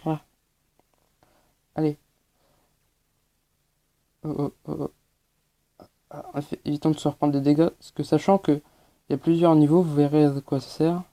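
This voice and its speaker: A man's voice: on the high side, little pitch movement, normal speed, long pauses, warm tone. A man giving hesitant, explanatory gameplay commentary as a channel host, with many fillers.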